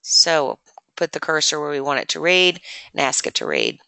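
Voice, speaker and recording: A woman presenting a software demonstration lesson, explaining step by step in a chatty way with many fillers, close to the mic. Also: low-pitched, huge pitch swings, normal speed, gravelly, smooth, no echo. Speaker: assistive technology presenter.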